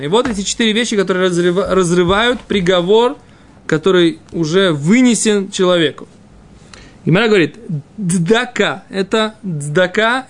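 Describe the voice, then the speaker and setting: A man teaching an informal religious text class, reading and explaining in fragments with frequent checking questions. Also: sits high.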